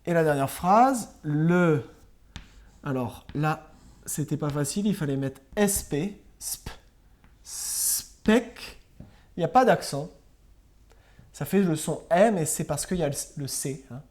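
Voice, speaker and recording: A woman teacher giving a slow, patient spelling and grammar lesson to young pupils, spelling words out letter by letter. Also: low voice, a little mellow. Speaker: primary school teacher.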